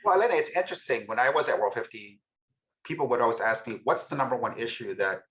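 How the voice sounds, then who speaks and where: A middle-aged researcher and author from El Salvador appears as a guest in a podcast interview, speaking reflectively and often restarting his sentences. His mid-range voice is a bit bright, with lively intonation and a quick pace.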